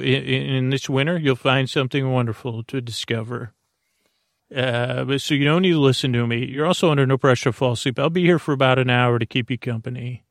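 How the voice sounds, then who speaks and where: A middle-aged man from California's Bay Area hosts a sleep podcast, drifting through a hesitant, meandering bedtime monologue packed with uhs. His medium-pitched voice carries vocal fry, and the studio recording is clean with no echo.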